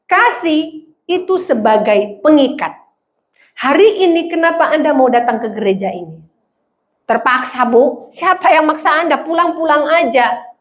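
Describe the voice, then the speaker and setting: A woman pastor preaching a sermon in a church, telling funny stories and acting out the voices of people she quotes. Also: sits high.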